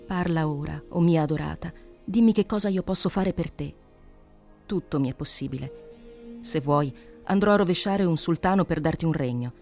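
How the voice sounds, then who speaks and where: A proud male pirate chief, put on by a reader, passionate and declaiming with fervour in a dramatic storybook reading. The voice is dark and mellow and keeps rising higher and louder. Faint music plays behind it. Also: normal speed, gravelly, close to an everyday voice. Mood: ardent. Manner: fervent declaiming. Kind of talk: dramatic reading of an adventure novel.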